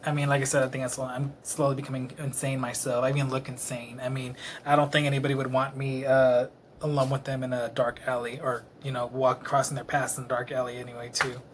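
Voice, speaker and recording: Speaking fast with little pitch movement, a man in his late twenties from Dallas, Texas rambles to camera in his apartment. The vlogger is self-deprecating and a little tipsy, using lots of fillers, in a medium-pitched voice. The close-up camera mic picks up a little hiss or hum.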